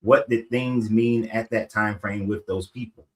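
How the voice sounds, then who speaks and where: A man's voice: fairly low pitch, steady tone, unhurried, poor audio. A middle-aged man explaining history in a casual discussion, often tossing in rhetorical questions.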